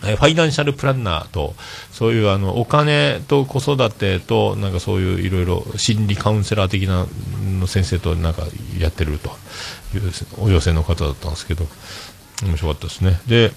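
Low, gravelly-voiced man rambling casually. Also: brisk, a little hiss or hum. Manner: rambling, filler-heavy storytelling. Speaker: podcast host. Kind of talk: casual solo radio talk.

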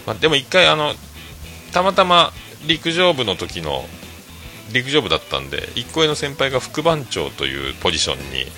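A man's voice: medium pitch, moderate pace, faint music behind. A middle-aged man from Fukuoka, telling rambling stories in a solo talk stream, full of fillers. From Fukuoka, Japan. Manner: rambling storytelling, many fillers, animated quoting. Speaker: host, restaurant owner.

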